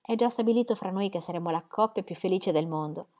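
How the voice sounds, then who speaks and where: Woman voicing lively young woman, audiobook, frank, earnest, lightly teasing. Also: lowish voice, quick pace, close to an everyday voice. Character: lively young woman confiding her engagement. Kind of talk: audiobook character reading.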